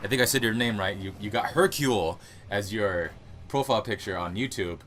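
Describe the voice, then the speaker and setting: Recorded at home with a little hiss or hum, this young adult from the United States runs a casual Q&A on his YouTube gaming channel, rambling and laughing as he goes. His voice is fairly low, brisk, and a bit bright.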